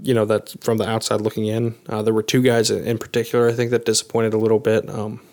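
A man's voice: fairly low pitch, level tone, fast talker, a little mellow. Man talking sports with many fillers. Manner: analytical, hedging with frequent fillers. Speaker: podcast co-host. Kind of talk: casual sports podcast analysis.

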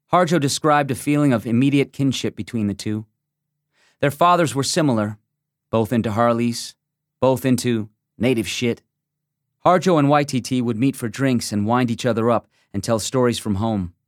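A man reads a first-person magazine essay in a measured, reflective way. His voice sits in an ordinary middle register. The recording is close and dry, with no room sound. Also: medium pitch, no echo. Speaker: essay reader. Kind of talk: scripted narration of a magazine essay.

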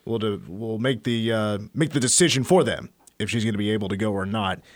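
A man's voice: lowish voice, brisk, no room sound, studio quality. An American man hosting sports radio, switching between casual talk and punchy promo reads. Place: radio studio. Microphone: close studio mic.

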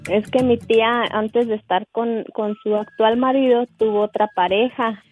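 A woman's voice: a little high, steady tone, normal speed, a little mellow. A woman calling in to a show, telling gossip in a chatty way, often laughing and hesitating. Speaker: caller. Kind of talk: storytelling gossip on a phone call. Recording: phone line with faint music behind.

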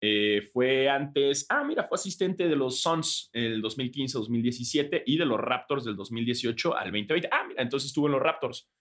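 A man with a Mexican accent, co-hosting a casual sports podcast, relaxed and joking, thinking aloud. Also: mid-range voice, normal speed, few pauses. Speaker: podcast co-host.

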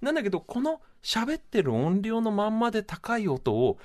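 A man's voice: high-pitched, wildly swooping pitch, normal speed. A man in a radio studio giving a music commentary, explaining his points in an emphatic, teacherly way. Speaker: music columnist.

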